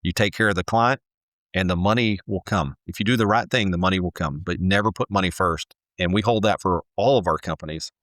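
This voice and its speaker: A man's voice: low voice, a little fast, a bit bright, dry recording, studio quality. A man, a home builder answering interview questions earnestly, often restarting his sentences. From Texas.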